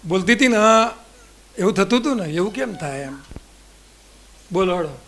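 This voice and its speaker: A high-pitched man with a Gujarati accent teaches a group of children. He leads a memory exercise, asking questions and repeating them to coax the class along. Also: animated, moderate pace, fairly bright tone, slight background noise. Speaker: camp teacher. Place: indoor camp hall with children.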